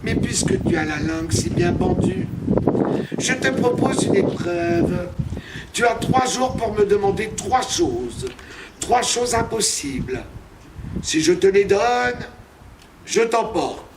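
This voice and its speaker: A sour, spiteful witch with a high, piercing voice, performed by a male storyteller. She sneers and mocks in an unhurried, taunting drawl. The mic sits some way off, with a faint hum of ambience behind. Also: very animated, distant mic, full character voice. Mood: scornful. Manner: sneering and mocking. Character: shrill, sour, spiteful female witch from a broom cupboard.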